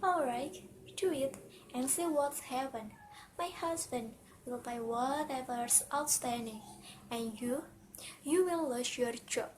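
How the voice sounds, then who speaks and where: Anxious, defensive wife with a secret for a stage drama, acted by a woman; high-pitched, earnest, theatrical, faintly noisy recording. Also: slow, darkish tone. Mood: alarmed, defiant. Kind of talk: amateur dramatic reading of a stage play.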